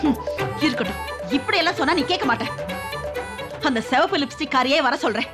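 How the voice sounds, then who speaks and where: A woman's voice: sits high, animated, fairly quick. Bossy middle-aged mother-in-law. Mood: scolding. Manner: scolding, bossy, melodramatic wailing. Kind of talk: TV serial acting. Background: background music score.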